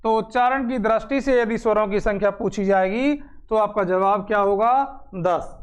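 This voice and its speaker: A man teaching a grammar lesson, dictating slowly, repeating phrases and asking questions he then answers himself. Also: high voice, fairly even intonation, clean tone. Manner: slow, repeats phrases for note-taking, asks and answers own questions.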